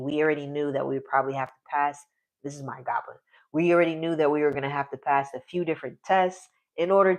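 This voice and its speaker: Heard through a low-quality recording, a man in his forties with a slightly high voice casually describes his solo tabletop game on a live stream. He rambles, trails off partway through sentences and laughs often.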